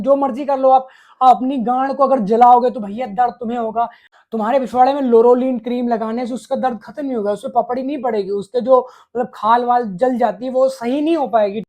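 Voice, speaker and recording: He has a very high, somewhat mellow voice. Speaking straight to the viewer, the man hands out harsh, vulgar relationship advice and scolds them, swearing repeatedly.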